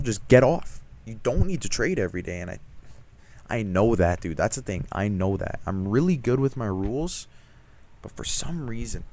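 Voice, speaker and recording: Young male vlogger, very low voice, frustrated self-critical rant, emphatic and casual. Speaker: trading vlogger. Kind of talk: candid self-reflective vlog rant.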